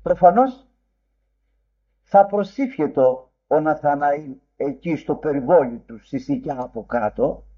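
A man with a high voice delivers a sermon in formal, old-fashioned phrasing. He is emphatic, and his voice climbs further whenever he quotes. The recording is dull and lo-fi. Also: expressive, slightly rough. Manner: emphatic, rising sharply when quoting. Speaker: preacher.

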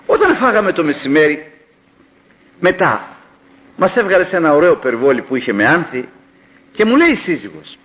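An older man from Greece, a preacher telling a story in a sermon, acting out the dialogue with animated delivery. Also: on the high side, pauses often. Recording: dull lo-fi old recording.

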